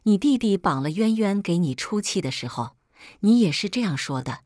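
A woman's voice: mid-range voice, animated, normal speed, a little mellow, dry recording, clean studio sound, lightly acted. A woman reading the lines of a cold, scornful young man who is a powerful tycoon, in an icy, contemptuous manner.

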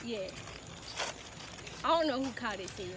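High, lively young woman vlogging outdoors. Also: unhurried, noisy background. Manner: animated, slangy, talks loudly over others. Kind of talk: casual vlog chat. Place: outdoors on a hot day. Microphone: handheld camera.

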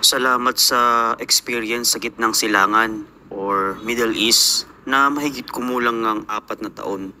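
A man's voice: medium pitch, steady tone, unhurried. A young Filipino man, an overseas worker, telling his life story in a reflective, earnest voice-over. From Philippines.

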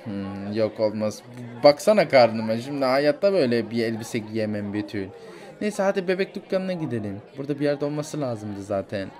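A man's voice: medium pitch, expressive, normal speed, a little mellow, soft background music, pitched below the performer's own voice, natural voice. A man doing a weary pregnant mother in a toy story. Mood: tired. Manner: weary, sighing, put-upon. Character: tired, heavily pregnant young mother. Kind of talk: toy figure play-acting.

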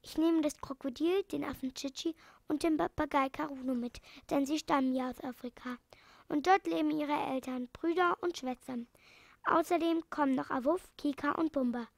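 A caring male animal doctor who talks gently and earnestly, read by a woman. The voice is high with a touch of fry. It is recorded close and dry. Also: moderate pace, no room sound. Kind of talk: storybook reading.

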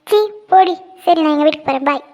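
A woman's voice: high voice, quick pace, warm tone. A woman voicing a teasing cartoon best friend. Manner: playful, teasing, nosy. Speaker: cartoon character. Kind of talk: cartoon voice acting.

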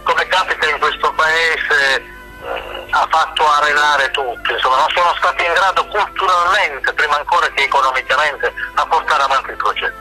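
Male artist heard over a speakerphone line, very bright tone, thoughtful and halting. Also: fairly high pitch, soft background music. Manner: reflective, hesitant, many verbal fillers. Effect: phone call heard over speakerphone. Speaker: sculptor called in by phone. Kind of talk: live phone-in interview.

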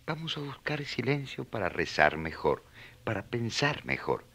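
An actor playing an ailing, humble and fervent friar with a gravelly voice in a radio serial. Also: male voice, mid-range voice, sing-song, normal speed, sharp tone, exaggerated voice. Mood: insistent.

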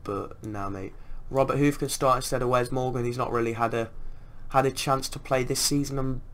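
A man's voice: mid-range voice, steady tone, brisk, fairly bright tone. A man giving casual commentary on a video game as he plays. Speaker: gaming video creator.

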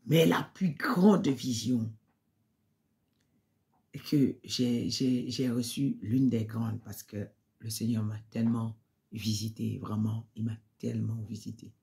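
A woman's voice: a bass voice, takes it slowly, creaky, a little mellow. A woman giving an emotional spoken testimony in church, repeating phrases and sometimes dropping to a near-whisper.

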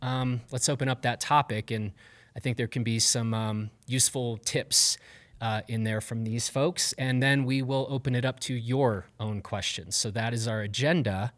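A man opening a live panel discussion in front of an audience, talking from a table microphone on a stage. He sounds upbeat and easygoing, and he drifts through fillers as he sets out the agenda, with a voice of middling pitch. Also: fairly even intonation, normal speed. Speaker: panel moderator.

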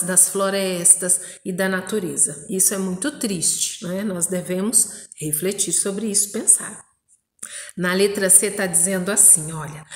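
Woman, Brazilian Portuguese accent, teacher to young kids, slow spelled-out syllables, roomy long reverb. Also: medium pitch, fairly bright tone. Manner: slow, drawn-out spelling of syllables with frequent "não é?" checks. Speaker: primary school teacher. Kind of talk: recorded lesson for young children.

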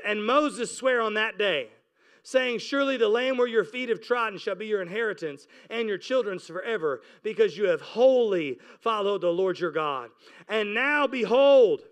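A pastor in his forties preaches on an indoor church stage, holding a handheld mic close as he reads scripture and exhorts his listeners with impassioned, repeated urging. His voice is very high and a bit bright.

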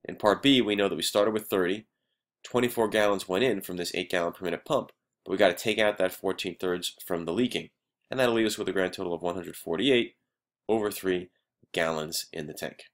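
Deep-voiced man teaching math, under the weather. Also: a little fast. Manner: patient step-by-step explaining, frequent "right?". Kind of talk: recorded math lesson.

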